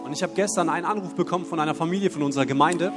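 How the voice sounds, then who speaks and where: Racing along in a slightly high voice, a man interprets a church message into German consecutively for a congregation in the hall, with music in the background. He goes phrase by phrase and occasionally corrects himself, all under long hall reverb.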